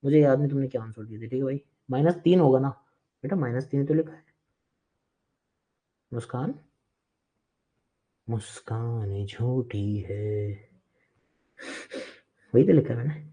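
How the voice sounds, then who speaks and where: A man's voice: medium pitch, fairly quick, pauses often, dull audio. A man teaching a live online maths class, chatty and reassuring but firm with students who interrupt.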